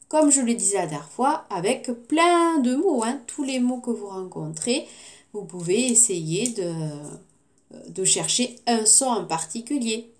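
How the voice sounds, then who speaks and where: A woman teacher with a French accent giving a recorded phonics lesson to young children, saying words slowly and clearly syllable by syllable and encouraging them gently, with some hesitations. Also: on the high side. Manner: slow, clearly articulated, repeating words syllable by syllable.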